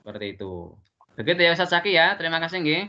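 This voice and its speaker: A man's voice: fairly high pitch, big pitch swings, quick pace, pushed and bright. A man teaching a Quran reading lesson in an online class, explaining rules patiently and often checking that students understand. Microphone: video call. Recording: muffled online call audio.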